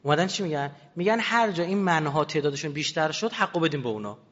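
A man's voice: on the high side, animated, a bit bright. A man giving a lecture to an audience, emphatic and full of rhetorical questions. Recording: reverberant hall, dull lo-fi sound.

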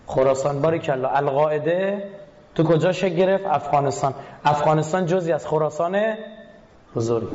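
A man's voice: fairly high pitch, a little mellow, highs cut off. A man lecturing as a media critic, who keeps asking his audience questions and answering them himself. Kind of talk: lecture analysing a film clip.

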